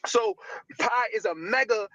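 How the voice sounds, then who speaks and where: A man's voice: high voice, unhurried, pushed and bright, dry recording. A man talking casually on a live stream, rambling, stumbling over words and tagging "right?" onto his points. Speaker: guest speaker. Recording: dull lo-fi audio.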